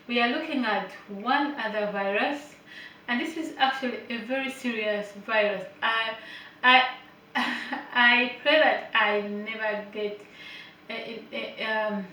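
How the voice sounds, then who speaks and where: A woman from Uganda with a bright, forceful voice on the high side leads an informal health lesson as a care worker, reading notes aloud and explaining them with hesitant fillers and light chatty asides. English is not her first language, and Finnish is her third. The room echoes and she stands a bit far from the mic.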